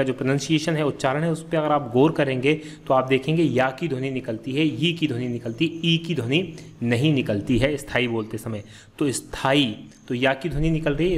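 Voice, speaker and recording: A man teaching a grammar lesson for exam preparation, patiently repeating key terms and asking and answering his own questions. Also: medium pitch. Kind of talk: exam-prep lesson explaining quiz answers.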